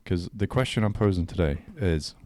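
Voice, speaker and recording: A man's voice: deep voice, lively intonation, moderate pace, a little mellow, slight background noise. A man co-hosting a podcast in casual chat, laughing often and restarting his sentences. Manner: laughing, stumbling restarts, slangy. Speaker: podcast co-host.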